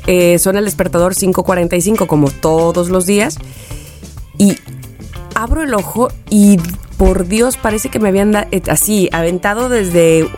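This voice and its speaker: A woman's voice: medium pitch, moderate pace, soft background music. A middle-aged woman with a Mexican accent, a podcast co-host chatting casually and acting out the voices in her anecdotes. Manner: animated storyteller who acts out quotes. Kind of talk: casual chat, storytelling.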